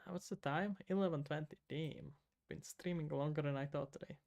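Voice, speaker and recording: A live-streaming indie game developer with a Czech accent, from the Czech Republic, mutters through his coding and casually responds to chat. His voice is fairly high, creaky and darkish, at a normal speed.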